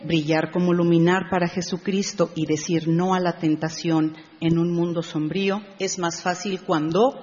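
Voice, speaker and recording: A woman leads a Bible study for a women's group, speaking slowly and reading scripture aloud. She tells stories with animation and keeps asking her listeners questions. The recording sounds dull, with a long echo from a large hall. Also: lowish voice, a little mellow. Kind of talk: lively Bible lesson with read scripture.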